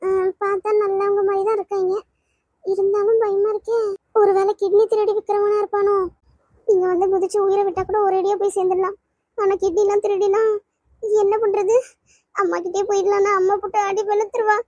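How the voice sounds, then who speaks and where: A performer voicing a distraught, timid young woman in a cartoon, pleading and suspicious in a very high girlish voice. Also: little pitch movement, a little mellow, no echo, highs cut off. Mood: fretful musing. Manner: quick, pleading, fretful talk. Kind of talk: cartoon voice acting.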